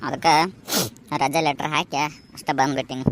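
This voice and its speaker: A man's voice: fairly high pitch, little pitch movement, normal speed, a bit bright, slight background noise, close to an everyday voice. A man with a North Karnataka Kannada accent voicing a polite young adult son home from the city in a cartoon. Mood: respectful. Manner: respectful and polite.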